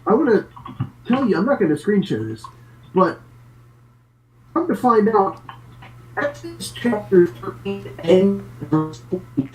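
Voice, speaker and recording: A man talking casually with lively exasperation over a remote call, his voice breaking up into choppy, robotic-sounding audio. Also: sits high, unhurried, pauses often, faint music behind, rough recording. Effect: choppy, robotic-sounding glitchy call audio. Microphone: remote call connection.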